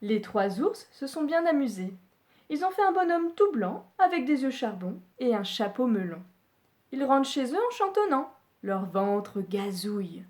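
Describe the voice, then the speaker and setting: A woman librarian reading a children's story aloud at home, expressive storytelling. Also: mid-range voice.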